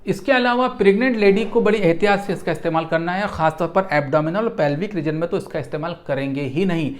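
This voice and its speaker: A physiotherapy and Unani regimenal therapy instructor talks fast in a medium-pitched voice. He gives an explanatory medical lecture in a teaching style that restates terms and repeats phrases.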